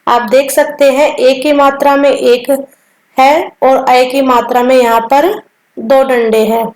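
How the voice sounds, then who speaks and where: Woman teacher, high voice, slow deliberate lesson pace, repeats each sound, echoey room. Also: steady tone, a little mellow. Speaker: Hindi teacher.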